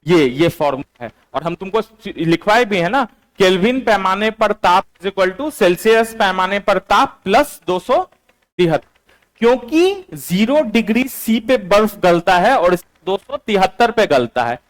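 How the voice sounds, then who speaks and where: A male teacher, giving a classroom lecture. He dictates notes slowly and repeats them, then quizzes his online students. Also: high voice, very animated. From Bihar, India.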